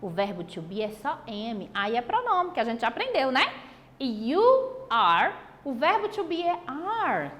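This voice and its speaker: A Brazilian woman teacher with a high, very lively voice that swoops up and down. She draws out her example phrases slowly. The recording carries a long echo, as if she were in a big hall. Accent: Brazilian Portuguese. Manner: animated, drawn-out examples. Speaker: English teacher. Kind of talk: recorded online lesson.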